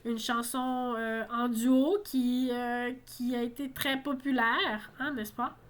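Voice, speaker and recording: A woman's voice: fairly high pitch, level tone, slow pace. A woman teaching a song lesson, explaining lyrics patiently and often adding "hein". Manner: explanatory, frequent tag "hein". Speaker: French teacher.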